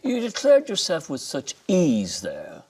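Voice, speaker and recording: A man hosting an interview, asking short and direct questions. His voice is husky, and his pitch rises and falls dramatically as he probes. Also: huge pitch swings, unhurried, darkish tone. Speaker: interviewer host.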